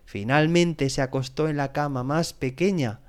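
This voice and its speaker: A man narrating a children's story with an expressive, animated reading as a podcast host. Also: on the high side, normal speed, clear, resonant tone. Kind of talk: scripted bedtime story narration.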